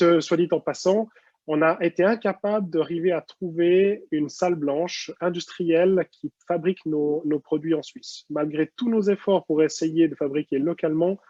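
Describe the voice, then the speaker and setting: Higher-pitched man presenting, slightly dull audio. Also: warm tone, no echo. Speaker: company co-founder, presenter. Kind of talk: slide presentation on a video call. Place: online video meeting.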